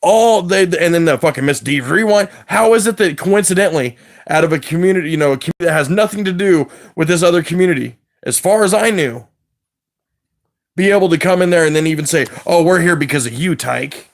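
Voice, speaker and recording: A man's voice: high-pitched, expressive, quick pace. A man on a livestream rant, agitated and wired, rambling from thought to thought and swearing a lot. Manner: swears heavily.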